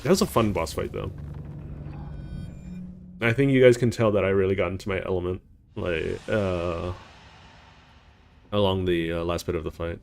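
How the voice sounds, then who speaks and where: A man hosts a game playthrough in a low voice with plenty of gravelly creak. He comments casually as he plays and reads bits of game text aloud. There is faint noise behind him. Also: normal speed, long pauses, darkish tone. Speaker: gaming playthrough host.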